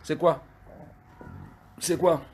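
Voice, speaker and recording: A man's voice: on the high side, fairly even intonation, extremely slow, darkish tone, slight background noise. A middle-aged man, ranting heatedly at his critics on a livestream and repeating himself. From Cameroon. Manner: heated, repetitive, addressing critics directly. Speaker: live video streamer. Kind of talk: angry livestream rant.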